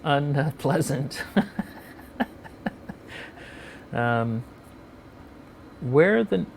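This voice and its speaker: A man with a gravelly, creaky voice hosts a relaxed live-stream chat. He reads out viewer questions in an easygoing way and answers them. Faint noise sits behind him. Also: on the high side, extremely slow. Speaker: host of a live motorcycle chat show.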